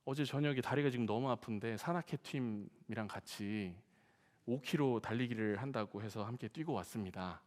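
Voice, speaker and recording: A man preaching a sermon as pastor, telling humorous stories in a lively way and often addressing the congregation directly. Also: mid-range voice, moderate pace. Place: church sanctuary. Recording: long church hall reverb.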